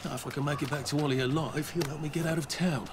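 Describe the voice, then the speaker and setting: A man's voice: fairly high pitch, steady tone, quick pace, noisy background, close to an everyday voice. A man playing a grumbling, sardonic British video game hero who mutters wryly to himself. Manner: wry, exasperated, muttering.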